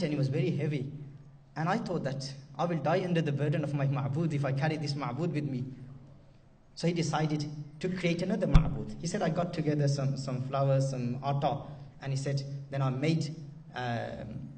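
A man giving an emotive sermon, retelling a story and circling back over his own phrases. His voice sits somewhat high for a man. It sounds distant from the microphone. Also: fairly quick, darkish tone. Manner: emotive, repeats and restarts phrases. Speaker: preacher.

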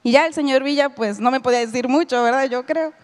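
A woman's voice: high-pitched, fast talker. A middle-aged woman giving a lecture with a personal testimony, telling her story and speaking directly to her audience. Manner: storytelling, addresses listeners directly, acts out quoted dialogue. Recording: long hall reverb.

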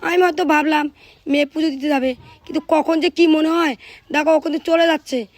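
Chatty high-voiced mother addressing viewers. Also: fairly even intonation, brisk, dry recording. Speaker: vlogger, mother of three. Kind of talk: casual household vlog narration.

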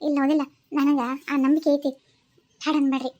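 A woman's voice: sits high, level tone, fairly quick, mellow, voice pushed down, natural voice. A woman voicing a kind, persuasive village woman who mediates in a family quarrel in a cartoon, with a North Karnataka accent. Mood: coaxing. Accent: North Karnataka Kannada. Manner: coaxing and earnest.

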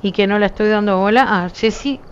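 A Uruguayan woman streamer chats casually with her viewers in Uruguayan Spanish, emphatic and insistent, her voice nearly gone. She speaks briskly in a mid-range voice, gestures come through in her tone, and she keeps saying "¿viste?"; the recording is muffled with a little hiss or hum.

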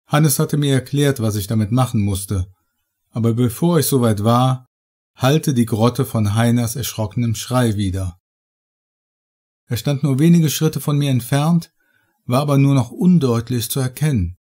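Man, horror audiobook narrator, measured dramatic reading, mid-pitched voice. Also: a little mellow. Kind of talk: scripted first-person horror audiobook narration.

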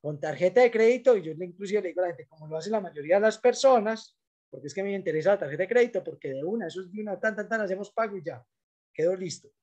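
A man's voice: high-pitched, expressive, fast, darkish tone, dull audio. A man giving a business training talk, coaching salespeople in an emphatic, direct way.

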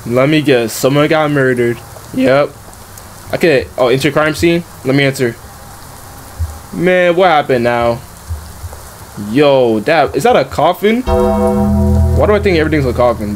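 A man giving casual let's-play commentary, talking in slang and reacting out loud to the game. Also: medium pitch, animated, measured pace, pauses often, a little hiss or hum. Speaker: gaming YouTuber.

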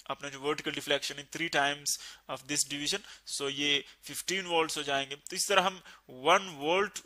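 A man teaching a physics lesson, explaining slowly and repeating key terms. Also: a little high, pushed and bright.

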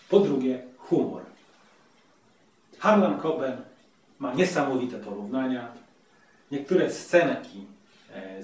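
A man's voice: medium pitch, a little mellow. Male host, chatty playful review, far from the mic in a very echoey room. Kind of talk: casual video review.

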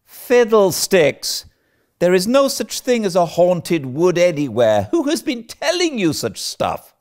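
Man as a stern, animated older storybook woman. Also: mid-range voice, pitched above the performer's own voice. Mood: incredulous, stern. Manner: brisk, scolding, incredulous. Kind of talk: storybook character reading.

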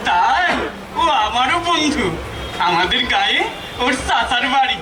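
A man's voice: very high voice, very animated, a little slow, full character voice. A man playing a chatty, easygoing village traveller puppet in a folk-tale show. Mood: friendly, chatty. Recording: echoey, distant, noisy with crowd.

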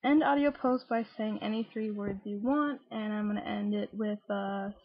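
A young adult woman with a Midwestern American accent and a husky, fried voice, casually doing an accent challenge in an offhand way. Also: medium pitch, normal speed, no echo. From Cleveland, Ohio, United States. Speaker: vlogger. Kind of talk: casual accent challenge, reading word lists and answering questions. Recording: dull lo-fi home recording, dry.

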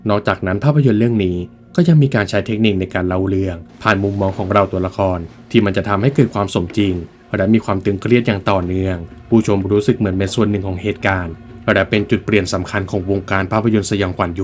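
A man with a lowish voice narrates a video essay, reading scripted film commentary. He explains things in an emphatic, storytelling manner.

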